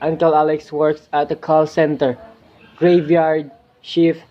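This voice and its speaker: A man's voice: a little high, flat delivery, slow pace, highs cut off. A young man playing a bored Filipino immigrant teenage boy who grumbles casually about food and loneliness, with a Filipino accent. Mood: grumbling. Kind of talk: student dramatic reading.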